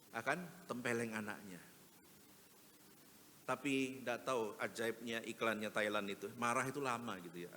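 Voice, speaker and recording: A man preaching a sermon as an evangelist, telling stories and rising to loud emphatic peaks. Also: mid-range voice. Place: church hall. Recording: long church-hall reverb, faint noise.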